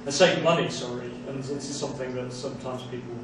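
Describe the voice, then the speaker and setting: A man's voice: medium pitch, steady tone, quick pace. Man answering questions, far and echoey. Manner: conversational, restarts phrases while thinking. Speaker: seminar speaker answering questions. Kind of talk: academic Q&A answer. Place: small seminar room with a projector. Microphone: far room camera mic. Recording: echoey room from far off, background hiss.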